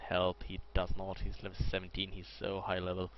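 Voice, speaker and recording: Speaking fairly quickly in a low, monotone voice, a gameplay commentator with a Swedish accent talks through his own match, thinking aloud, self-correcting, and making chatty asides. Loud game effects and clicks come through his lo-fi microphone as background noise.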